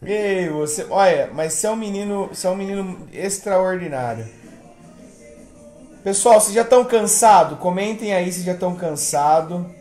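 A man's voice: sits high, normal speed, mellow, soft background music. A young man with a Brazilian accent, hosting a family live stream with casual, teasing chat in a living room. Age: young adult.

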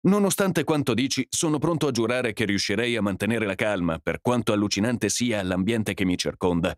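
A man's voice: lowish voice, animated, a little fast, no room sound, studio quality, natural voice. A man voicing a bold, self-assured young man who laughs easily, in an audiobook reading. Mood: cocky. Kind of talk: audiobook character voice.

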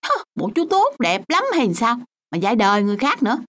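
A harsh, dismissive mother in a radio play. Her voice is high and swoops widely. She fires back with sarcastic, sharp retorts. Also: animated, moderate pace. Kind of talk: radio drama acting.

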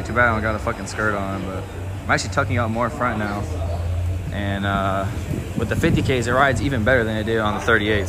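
A young man talking casually about his car build, slangy and profane, with a noisy background behind him. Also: lowish voice. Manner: slangy, profane, laid-back. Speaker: car vlogger. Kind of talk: casual vlog narration.

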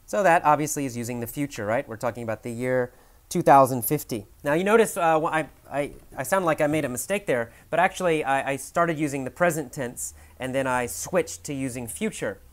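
A man teaching English through a short story, animated and expressive, slowing down for key lines and thinking aloud with fillers and self-corrections. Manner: animated storyteller, big swings in pitch and loudness, slows for key lines. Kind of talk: storytelling language lesson.

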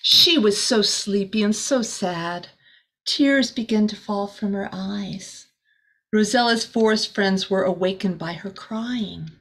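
The audio is poor as a middle-aged woman with a mid-range voice reads a children's storybook aloud in a small indoor room. Reading as a teacher, she's expressive and deliberate, with small asides to her listeners.

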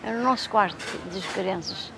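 Older woman, gravelly, animated and halting interviewee in a noisy courtyard. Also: medium pitch. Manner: animated storytelling, halting restarts. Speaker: former resident. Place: outdoor courtyard. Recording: noisy outdoor ambience.

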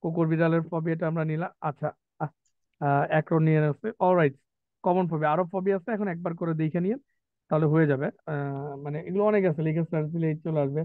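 Brief: man, online English teacher, somewhat high voice, repeats and drills words, dry tinny phone-like line. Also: fairly even intonation, quick pace, no room sound. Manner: repetitive, drills spellings and pronunciation, chatty asides. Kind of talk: online vocabulary class.

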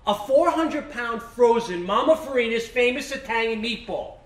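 A man acting out a frazzled, baffled guy, high and roomy. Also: normal speed. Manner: exasperated, rambling, talking to himself. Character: flustered middle-aged man baffled by a giant meatball. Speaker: stage actor. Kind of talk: live stage comedy acting. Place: theater stage. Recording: roomy stage sound from a distant mic, faint hiss.

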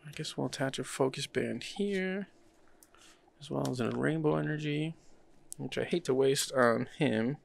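Narrating his moves at a measured pace, this card game player and channel host has a creaky, mid-range voice. He thinks aloud in a relaxed, easygoing manner as the game unfolds.

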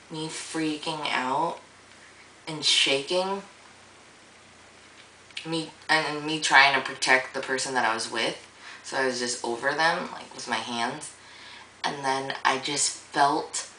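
A woman's voice: sits low, bright, forceful tone, echoey room, recorded from a distance, slight background noise, poor audio. A young woman vlogging in a rambling, casual way, full of fillers and easy swearing, with a groggy morning voice. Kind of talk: casual vlog monologue.

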